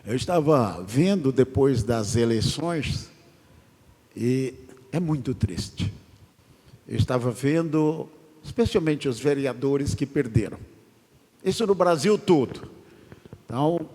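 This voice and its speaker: A pastor preaching a sermon in a church, telling stories with drawn-out, emphatic phrases. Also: male voice, medium pitch, mellow, husky. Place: large church. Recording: long church reverb.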